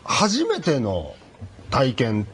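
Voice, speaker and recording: Expressive Kansai man recalling his childhood. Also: medium pitch, extremely slow, slight background noise. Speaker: comedian telling a story. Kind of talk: comic storytelling.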